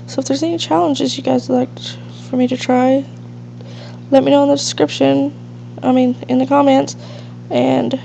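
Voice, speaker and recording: With a high, creaky, mellow voice, a woman rambles through casual gameplay commentary as a let's play host. Allergies seem to have her stuffed up, leaving her nasal and sniffly. A dull lo-fi microphone adds a faint hiss and hum.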